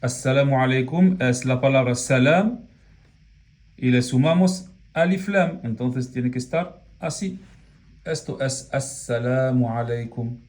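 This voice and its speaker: A male teacher giving a video lesson at an unhurried, deliberate pace. He draws out each example word and keeps pausing to check that the listener follows. His voice sits at an ordinary middle pitch. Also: darkish tone. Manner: patient, drawn-out examples with frequent "¿ok?" check-ins. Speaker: Arabic teacher. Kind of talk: slow classroom explanation.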